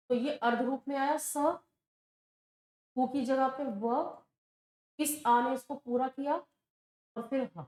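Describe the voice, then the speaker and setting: High-voiced woman teaching slowly. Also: darkish tone, roomy sound. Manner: patient, asks questions and answers them herself. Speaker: Sanskrit teacher. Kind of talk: exam-prep lesson at a board.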